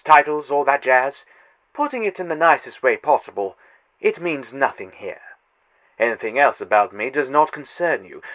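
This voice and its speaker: Man as the Architect, theatrical, swooping otherworldly mastermind. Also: fairly high pitch. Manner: theatrical, teasing, abrupt switches from hushed to loud. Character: playful, condescending otherworldly mastermind, flippant and secretive. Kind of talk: audio drama monologue to the listener.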